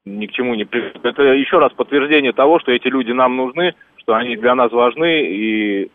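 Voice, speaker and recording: A man calling in to a radio show over the phone, nervous and halting, speaking on air for the first time. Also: mid-range voice, no echo. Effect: phone line. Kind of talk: call-in opinion. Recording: tinny phone line.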